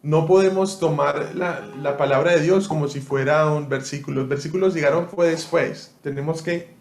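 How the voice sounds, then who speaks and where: A man's voice: on the high side, steady tone, normal speed. A young man teaching a Bible study to an online group, conversational and often asking listeners to respond.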